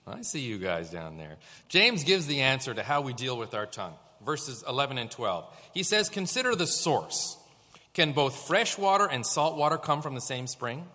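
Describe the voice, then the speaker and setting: A man's voice: medium pitch, big pitch swings, moderate pace, sharp tone. A man preaching a sermon as pastor, asking the congregation rhetorical questions. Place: church sanctuary. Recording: long reverb of a church hall.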